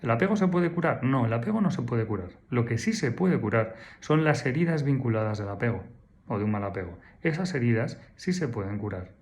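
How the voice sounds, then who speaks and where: A man speaks at an ordinary mid pitch as a therapist answering a question. He teaches in a didactic way and leans on rhetorical questions. He checks in often with little "mm?" and "vale?" prompts. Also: lively intonation, a little fast, darkish tone. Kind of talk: explanatory talk to camera.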